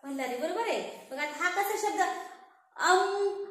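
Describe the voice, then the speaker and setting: A woman teaching a class, drawing words out slowly, repeating them and quizzing her students. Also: very high voice, animated, fairly bright tone. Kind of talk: classroom lesson on reading and writing. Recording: very echoey room.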